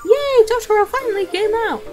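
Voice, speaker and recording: A woman voicing an excitable, doting mother in an amateur anime game dub, with hammy bad acting. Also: very high voice, brisk, music in the background, voice pushed up. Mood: bubbly, indignant. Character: excitable, doting grown daughter and mother, bubbly.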